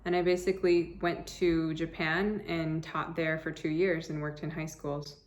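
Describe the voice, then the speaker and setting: A woman's voice: deep voice, level tone, normal speed, dull audio, a little hiss or hum. Chatty American woman vlogger. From United States (Arizona). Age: 30s. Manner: chatty, upbeat, rambling with restarts. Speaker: travel vlogger. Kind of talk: casual talk to camera. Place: indoors, seated in a chair.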